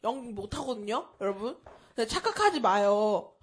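A woman's voice: fairly high pitch, animated, moderate pace, breathy edge. A woman co-hosting a casual movie-review talk show, sarcastic and teasing, often speaking straight to the listeners. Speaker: podcast co-host.

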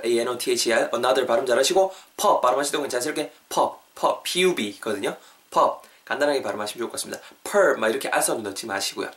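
A man's voice: on the high side, a bit bright, recorded from a distance. Chatty man teaching an English phrase. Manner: chatty, asks listeners questions, slows down for example phrases. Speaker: English teacher, podcast host. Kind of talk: podcast English lesson.

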